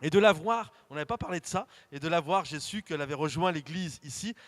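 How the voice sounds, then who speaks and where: High-voiced French pastor with Saint-Étienne accent. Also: male voice, fast. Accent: Saint-Étienne region French. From France. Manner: chatty, hesitant, many fillers and restarts. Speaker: guest pastor. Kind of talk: informal sermon introduction.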